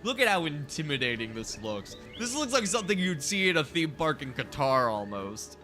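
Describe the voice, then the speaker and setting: A man doing casual, excitable gameplay commentary, joking and swearing freely as he tours his theme park. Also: a little high, moderate pace, faint music behind. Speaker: streamer showing a theme park build.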